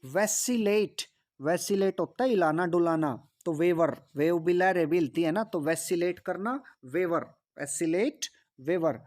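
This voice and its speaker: A man's voice: sits high, a little slow, darkish tone. A man teaching English vocabulary in Hindi. He repeats each word and its meaning and asks rhetorical questions as he drills the list. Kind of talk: vocabulary lesson.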